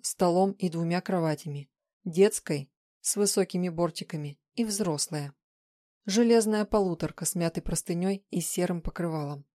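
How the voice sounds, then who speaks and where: Low-voiced woman narrating an audiobook. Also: dark tone, no room sound, clean studio sound. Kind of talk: scripted narration.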